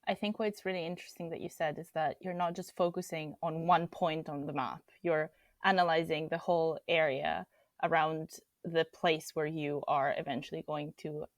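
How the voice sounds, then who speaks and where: Lower-voiced woman co-host, dry sound. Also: steady tone, moderate pace, no echo. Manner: thoughtful, summarizes what the guest said, with fillers. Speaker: podcast co-host. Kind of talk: podcast conversation.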